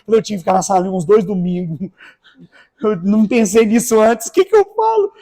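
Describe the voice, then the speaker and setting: A pastor delivers an evangelical sermon in a church. He swings between quiet, confiding asides and sudden shouted exclamations. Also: sits high, animated, a little fast.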